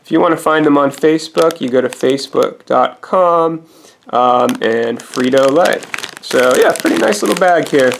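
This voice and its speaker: A man's voice: a little high, normal speed, vocal fry, a little hiss or hum. A man giving a casual product review as a food reviewer, in a rambling, hesitant, minutely detailed way.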